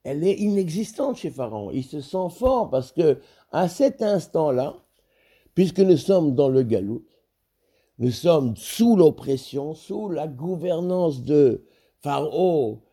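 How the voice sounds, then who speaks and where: A man's voice: on the high side, animated, slow, warm tone. A man teaching a Torah study lesson, explaining Hebrew verses with frequent restarts and repeated words.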